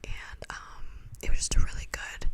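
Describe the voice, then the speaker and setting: A young adult woman in a breathy, clicky, fast ASMR whisper close to the microphone, rambling casually and repeating words and phrases. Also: a bit bright. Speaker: ASMR video host.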